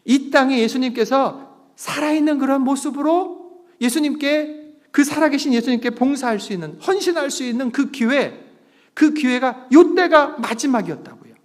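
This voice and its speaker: A man's voice: very high-pitched, normal speed. A middle-aged man preaching a sermon as pastor, earnest and emphatic, drawing the congregation into call-and-response. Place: church sanctuary. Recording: long reverb of a church sanctuary.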